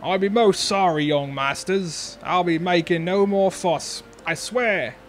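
A man's voice: high-pitched, unhurried, faint music behind, voice pushed up. A man voicing a boastful old pirate captain in a hammy pirate drawl, reading game dialogue aloud. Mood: pleading.

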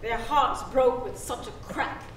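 A middle-aged actress delivers a solo stage monologue as a free young woman telling, gravely and sorrowfully, of being born at sea. She speaks in a slightly high, near-everyday voice, with measured, halting and deliberate pacing, captured by a distant, roomy stage mic with hiss in the background.

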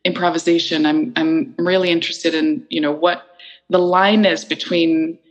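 A woman's voice: deep voice, fairly even intonation, normal speed, lo-fi sound. A middle-aged woman from Iceland, an interview guest talking thoughtfully and searching for her words. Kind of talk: reflective conversational interview.

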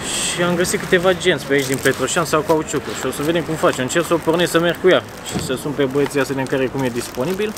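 A man in his thirties from Romania talks casually to a handheld camera, rambling and restarting his sentences. He sounds like he is outdoors by cars and garages. Loud engine and street noise sits under his voice. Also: on the high side, few pauses. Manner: chatty, rambling with restarts, addresses viewers as "băieți". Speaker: vlogger. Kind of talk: casual car vlog to camera. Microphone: phone or camera held at arm's length.

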